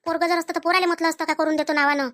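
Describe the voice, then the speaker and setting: Fast, very high, bright Vidarbha Marathi woman for a comic family quarrel, argumentative banter. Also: little pitch movement. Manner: quick, argumentative village banter. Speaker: comedy sketch performer. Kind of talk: scripted family comedy sketch.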